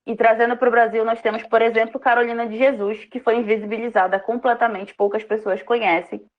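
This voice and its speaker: A woman moderates a live panel discussion in a calm, measured voice. Her pitch sits in the middle range, and the audio sounds slightly dull and lo-fi.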